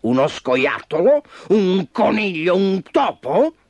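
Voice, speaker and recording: A man's voice: high voice, huge pitch swings, a little slow, breathy edge, no room sound, pitched above the performer's own voice, heavily acted. A man voicing a vain, touchy female tiger in a children's storybook. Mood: indignant.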